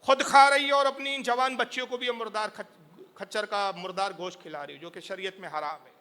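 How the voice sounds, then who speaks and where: A man's voice: high voice, steady tone, sharp tone, clean tone. A man playing an earnest, stern holy scholar. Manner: earnest, urgent. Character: pious male scholar, stern then compassionate.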